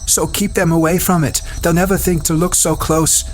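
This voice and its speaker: A man's voice: fairly high pitch, fairly even intonation, moderate pace, faint music behind, voice pushed up, lightly acted. A man reading a novel aloud, voicing a frightened, hungry teenage boy who speaks in a breathless, urgent whisper. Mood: desperate. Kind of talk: audiobook character voice.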